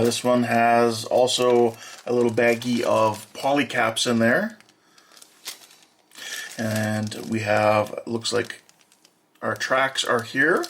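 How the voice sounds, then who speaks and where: A man walking through an unboxing as a hobby model builder, talking in a plain, matter-of-fact way with many filler pauses. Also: mid-range voice, fairly bright tone, slight background noise. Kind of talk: unboxing walkthrough.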